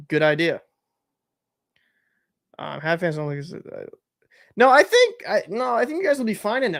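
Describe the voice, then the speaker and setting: A man's voice: fairly high pitch, gravelly, a bit bright. A young man hosting a live hockey watch-party stream, chatting casually, joking and answering viewers. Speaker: livestream host.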